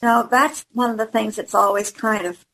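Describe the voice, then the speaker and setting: Female participant, thinking out loud, husky breathy voice. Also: fairly high pitch, steady tone, moderate pace, poor audio. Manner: thoughtful, searching. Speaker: study group participant. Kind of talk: casual discussion.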